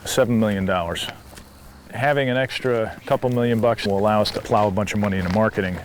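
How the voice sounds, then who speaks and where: Low-voiced man giving a property tour. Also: quick pace. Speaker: property developer showing a site. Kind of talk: casual sales tour talk. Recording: location sound, some ambient noise.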